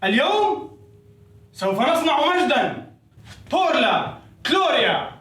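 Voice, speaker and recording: A man's voice: very high-pitched, very animated, measured pace, a bit bright, exaggerated voice. A man playing a grandiose, self-styled Andalusian craftsman and poet who speaks in lofty formal phrases with Spanish greetings. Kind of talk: comedy sketch acting. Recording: echoey room, voice from off-mic.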